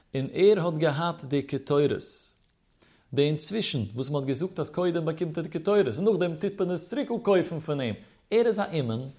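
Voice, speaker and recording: A man leads a Talmud study lesson in a fairly high voice. He lays out the reasoning step by step and poses rhetorical questions along the way. Hebrew study terms come up often in his explanation. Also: a little mellow. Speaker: religious teacher.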